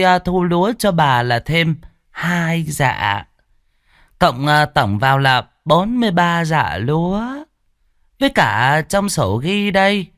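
A man's voice: fairly high pitch, a bit bright, clean tone, dry recording, clean studio sound, pitched above the performer's own voice, heavily acted. A man voicing a greedy, abusive old landlady who screeches and scolds. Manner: screeching, scolding, drawn-out fillers.

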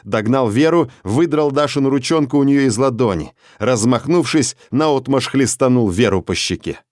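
A man reading a dark story aloud in a steady, measured way. His voice sits in the middle range for a man. The recording is dry and close, with no room sound. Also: mid-range voice, no echo. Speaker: narrator. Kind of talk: audiobook story narration.

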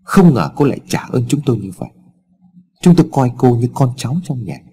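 A man's voice: mid-range voice, very animated, a little fast, dark tone, husky. A man voicing a stern furious old father. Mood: scolding.

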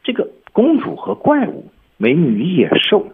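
A male English teacher with a husky voice, patiently explaining words in a radio lesson over a tinny phone-like line. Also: high voice, wildly swooping pitch, moderate pace.

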